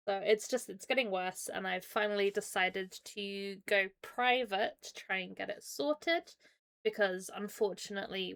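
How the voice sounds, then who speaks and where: A woman's voice: medium pitch, gravelly, a bit bright. A British woman chatting casually as a live streamer, talking through a painfully swollen mouth from dental trouble, in an informal, apologetic way. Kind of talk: casual livestream chat.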